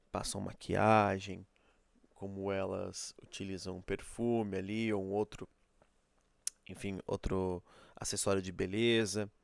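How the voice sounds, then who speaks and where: A man's voice: sits low, gravelly, clear, resonant tone, no echo. A male teacher giving a classroom lecture, explaining step by step, checking in with frequent rhetorical questions and acting out examples. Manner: demonstrative, acts out examples.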